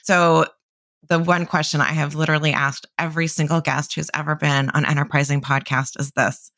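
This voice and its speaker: A woman hosting a podcast interview, enthusiastic and quick to praise her guest. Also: low voice, little pitch movement, a bit bright, no echo, clean studio sound. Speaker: podcast host.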